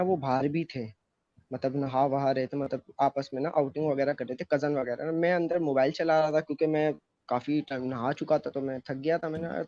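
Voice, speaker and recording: Recounting his own experience, a man with a slightly mellow voice on the high side rambles casually, full of fillers and restarts. The close-mic recording is dry, dull, and muffled.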